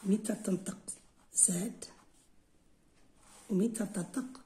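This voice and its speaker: A woman's voice: mid-range voice, steady tone, slow, mellow. A woman English teacher with an Algerian Arabic accent, going through an exam correction step by step and switching between Arabic and English.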